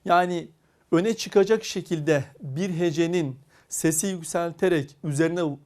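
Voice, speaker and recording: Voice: medium pitch, a little mellow. A teacher giving a recorded grammar lesson, speaking to the class directly and drawing out each example word. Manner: deliberate, drawn-out reading of example words.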